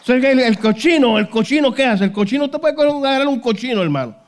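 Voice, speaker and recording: A man's voice: very high voice, expressive, fast, a faint crowd. A male pastor preaching a fervent sermon, peppering it with "brother" and "hallelujah" and firing off rhetorical questions. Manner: fervent preaching, constant "hermano" and "aleluya" interjections; rhetorical questions, voice rises and falls sharply.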